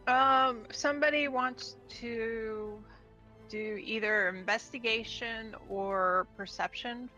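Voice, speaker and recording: A woman's voice: on the high side, fairly even intonation, slow, bright, forceful tone, dull audio, soft background music. A woman narrating as game master of a tabletop game, loose and rambling, with many fillers and restarts.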